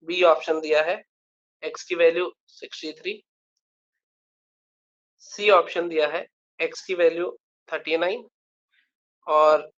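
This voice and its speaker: A man's voice: fairly high pitch, a bit bright, lo-fi sound. A male math teacher giving a live online lecture, explaining a problem step by step and often checking that students follow.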